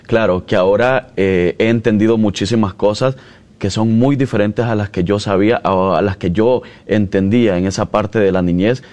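Salvadoran man with a deep voice. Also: fairly even intonation, normal speed, darkish tone. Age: 30s. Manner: storytelling, rambling with restarts. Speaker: guest, radio announcer. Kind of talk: conversational interview.

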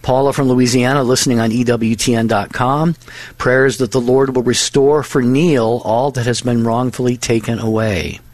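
A man co-hosting a call-in radio show, friendly and reassuring as he thanks callers and reads messages. The studio sound is dry and close, and his pitch sits in a middling range. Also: fairly even intonation, normal speed, a little mellow, no room sound.

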